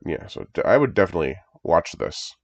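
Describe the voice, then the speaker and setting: A man with a deep voice, congested from a recent cold, talks briskly and very animatedly as he reacts to a horror movie trailer. He's eager and rambling, chuckling often. The recording is dry, dull lo-fi home audio.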